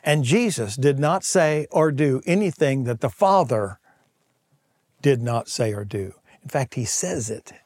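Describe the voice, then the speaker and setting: A middle-aged man preaching a conversational sermon, acting out quoted voices and dropping to soft near-whispers. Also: mid-range voice, animated, measured pace, dry recording, clean studio sound. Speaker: pastor.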